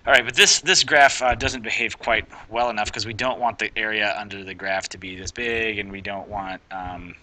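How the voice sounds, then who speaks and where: A man's voice: on the low side, steady tone, normal speed, few pauses, pushed and bright, poor audio. A male math teacher explaining a graph in a casual recorded lesson, rambling, often correcting himself and thinking aloud.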